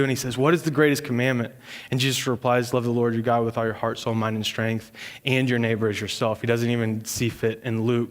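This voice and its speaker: A young man preaching a sermon in a church, telling a personal story in a casual, self-mocking way with laughs, then turning to scripture. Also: mid-range voice. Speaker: pastor.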